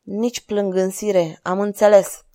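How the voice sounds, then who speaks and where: A woman's voice: mid-range voice, little pitch movement, dark tone, dry recording, studio quality, close to an everyday voice. A woman voicing a proud male captain of the royal guards, speaking formally and courtly. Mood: obedient.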